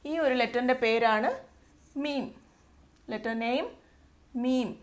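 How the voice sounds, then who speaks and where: A woman with a Malayali accent gives a step-by-step alphabet lesson, her voice sitting a little high. She goes slowly and patiently, saying each letter sound twice so learners can copy it. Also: steady tone. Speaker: Arabic tutor.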